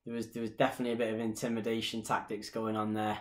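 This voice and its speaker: A man in his thirties with a Mancunian Irish accent talks very fast in a lowish voice with a completely flat delivery. He's a dance instructor answering viewer questions casually on a live stream from his small living room, chatty and gesturing a lot. A webcam at desk distance records roomy home sound.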